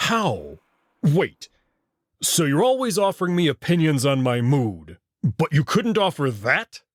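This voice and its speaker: A man voices a massive alien wolf from a visual novel, expressive and easily exasperated as he coaxes in halting phrases. He speaks unhurriedly with big swings in pitch, recorded cleanly in a studio with no echo.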